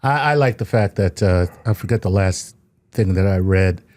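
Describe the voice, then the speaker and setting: A man's voice: deep voice, dry recording. A man co-hosting a podcast, reading out listener questions and joking and interjecting in casual chat. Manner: lively, joking, quick to interject.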